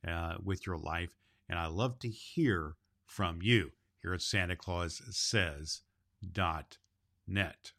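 Heavily acting the part, a man portrays a jolly, kind Santa who hosts a children's storytelling show, speaking to boys and girls in a cheerful, folksy manner. His voice is low and a bit bright, and he speaks slowly.

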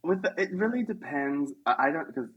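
A man from the United States, a guest on a podcast, talking in a relaxed, halting way with small laughs. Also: fairly high pitch, slightly rough, dull audio. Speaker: interview guest. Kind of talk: casual interview chat.

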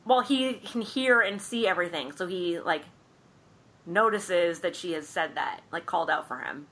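A woman's voice: on the low side, moderate pace, sharp tone. A woman casually recapping a film plot, acting out the characters' lines and laughing often. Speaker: podcast co-host recapping a film. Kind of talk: casual chat.

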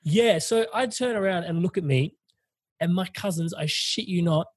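A young man with a husky voice, telling a rambling, animated story in casual chat, swearing and laughing as he goes. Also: sits high, moderate pace, dry recording. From from overseas, visiting family in India.

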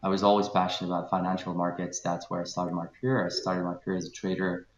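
A man from Lithuania, a guest on a podcast, talking in a relaxed, thoughtful way with hesitations. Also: deep voice, quick pace, roomy sound, highs cut off. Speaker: guest, venture capital founder. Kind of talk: podcast interview.

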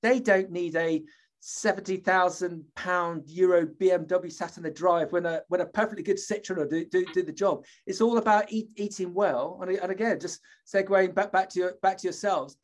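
A man's voice: high-pitched, normal speed. A man from the UK hosting an interview, talking in a rambling, chatty way with many fillers and restarts. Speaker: host, interviewer. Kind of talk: conversational interview.

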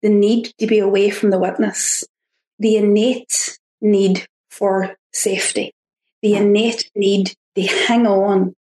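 A woman with an Irish accent, a podcast guest talking in an earnest, halting way with frequent restarts. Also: mid-range voice, darkish tone. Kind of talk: reflective interview talk. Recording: roomy echo.

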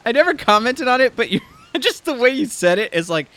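A man's voice: very high-pitched, big pitch swings, a little fast, a bit bright, no room sound, rough recording. A man narrating a tabletop role-playing game as game master, casually and with some swearing. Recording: clear background noise.

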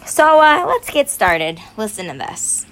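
A young woman vlogs her political opinions as casual commentary, her medium-pitched, fairly bright voice swinging widely in pitch at a slightly slow pace. As she gets worked up, she grows emphatic and stumbles over her words.

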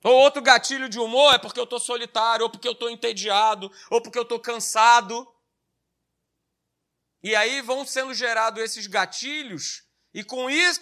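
Preaching a sermon in a high, bright, forceful voice, a man with a Brazilian Portuguese accent drives his points home by repeating key phrases and checking in with tag questions.

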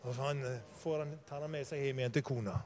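An older man preaching a sermon, telling stories and swinging from quiet asides to loud, fervent emphasis. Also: mid-range voice.

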